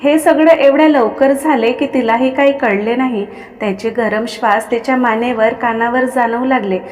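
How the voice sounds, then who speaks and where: A woman narrating a romance story in a steady, expressive reading voice. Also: high voice, long reverb tail.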